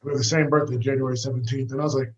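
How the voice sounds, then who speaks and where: Young US man, quick relaxed storyteller on a walk, slightly muffled recording. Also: medium pitch. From United States. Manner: easygoing, rambling with many fillers. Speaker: guest, fighter. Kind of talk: casual storytelling interview. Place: walking outdoors.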